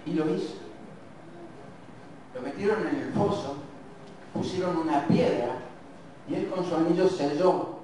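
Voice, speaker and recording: A man's voice: on the high side, warm tone. A man with an Argentine accent preaching and reading scripture, musing aloud and correcting himself. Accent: Argentine Spanish. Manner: slow, reflective, muses aloud and self-corrects. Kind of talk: sermon with Bible reading. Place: church hall. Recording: very echoey church, distant mic, faint hiss.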